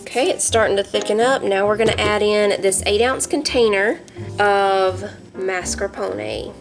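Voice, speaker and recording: A woman's voice: medium pitch, expressive, a little slow, music in the background. Chatty Southern woman vlogging her garden and kitchen. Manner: chatty and homey, laughs easily, talks to her animals. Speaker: home cook and gardener, channel host. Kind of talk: casual garden and cooking vlog.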